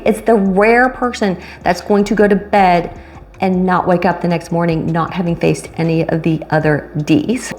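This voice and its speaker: A woman in her late fifties talking casually to camera about retirement, chatty and animated, speeding through asides and slowing on key phrases. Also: mid-range voice. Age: 50s. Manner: chatty, animated, swings between quick asides and slow stressed phrases. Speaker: retirement vlogger and coach. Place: home room, indoors.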